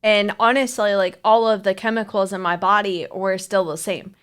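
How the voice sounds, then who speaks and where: A woman speaks plainly and animatedly as a marriage coach. Her pitch sits in the middle for a woman. She talks in a casual chat style and often leans on the word "like.". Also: normal speed, smooth. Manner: frank and animated, many fillers like "like".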